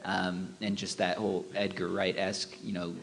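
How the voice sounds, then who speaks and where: A man's voice: deep voice, flat delivery, moderate pace, vocal fry, fairly bright tone, in a large hall. A man, a film editor, talking casually on a live panel with many hesitant "um"s and "uh"s. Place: live event hall.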